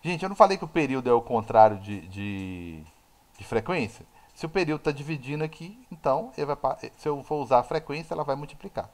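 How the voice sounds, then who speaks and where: A man teaching physics over a video call, with a Brazilian Portuguese accent and a voice of middling pitch. He talks in an eager, conversational way, often posing a question and answering it himself. His volume keeps rising and falling as he explains. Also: fast talker. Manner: lively explaining, swings from soft to loud, asks and answers his own questions. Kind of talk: live online class.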